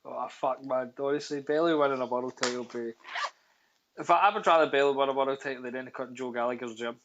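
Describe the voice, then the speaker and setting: A man's voice: mid-range voice, quick pace, noisy background. A Scottish man with a Glasgow street accent, bantering casually and bluntly about sport with plenty of swearing and slang. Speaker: podcast panellist. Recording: dull, lo-fi voice line.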